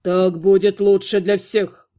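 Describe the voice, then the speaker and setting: A woman's voice: mid-range voice, little pitch movement, slow, dark tone, pitched below the performer's own voice, natural voice. A woman voicing an insistent older male archmage who gives firm commands. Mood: stern. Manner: insistent, pressing.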